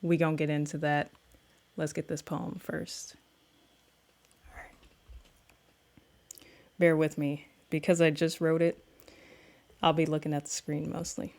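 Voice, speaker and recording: A woman vlogger with a low voice, chatty and upbeat as she talks straight to her viewers. She speaks slowly and takes her time. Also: flat delivery, creaky, a little mellow. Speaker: vlog host. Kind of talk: casual chat and reading her own poem.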